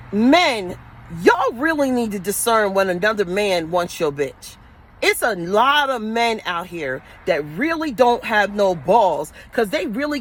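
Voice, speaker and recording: A woman's voice: fairly high pitch, slight background noise. A woman with a New York Queens accent ranting casually on a livestream, blunt, streetwise and emphatic, with slang and swearing. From New York City, Queens. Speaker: livestreaming spiritual advisor. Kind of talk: casual, profane livestream rant.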